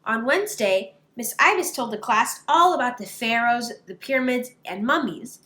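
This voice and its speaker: A woman reads a children's picture book aloud in an expressive storytelling style. Her voice is a little high and her pace moderate.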